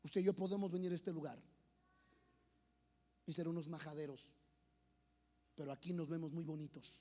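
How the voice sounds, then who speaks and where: A man preaching a sermon as pastor, swinging between loud declarations and quiet personal storytelling. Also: fairly high pitch, steady tone, normal speed. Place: church. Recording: long church hall reverb.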